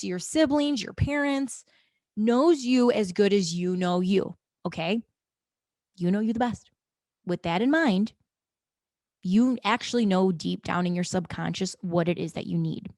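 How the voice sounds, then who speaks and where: A woman's voice: medium pitch, darkish tone, no echo, clean studio sound. A woman hosting her own podcast, talking casually and encouragingly to listeners, often checking in with "okay?" and "guys". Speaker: podcast host. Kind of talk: casual motivational monologue.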